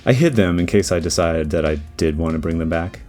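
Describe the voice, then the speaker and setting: A man with a very low voice talks through his 3D modeling process in loose, rambling commentary, stopping often to restart his thoughts. Faint music plays quietly behind him. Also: brisk. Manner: relaxed, rambling, with many fillers and restarts. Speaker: 3D artist giving commentary. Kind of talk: casual voice-over commentary on a modeling timelapse. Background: faint background music.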